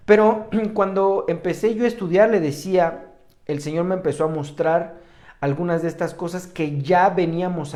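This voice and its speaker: Mexican pastor with a mellow voice. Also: male voice, fairly high pitch. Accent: Mexican Spanish. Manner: hesitant, with many fillers and restarts; clears his throat often. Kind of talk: sermon and prayer. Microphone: online stream to a remote congregation.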